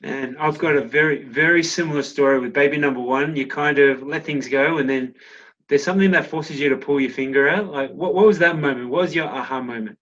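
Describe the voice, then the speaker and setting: A man's voice: fairly high pitch, fairly quick, fairly bright tone. Chatty Australian man hosting a podcast. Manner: friendly, chatty, matey. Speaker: podcast host. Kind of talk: casual interview chat. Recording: dull lo-fi podcast audio.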